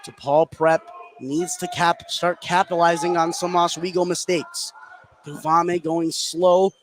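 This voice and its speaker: A man with a somewhat high voice calls a basketball game live on radio, his delivery flat and a bit slow. He tracks the play without pause and raises his voice when big moments hit. The broadcast comes from a noisy gym.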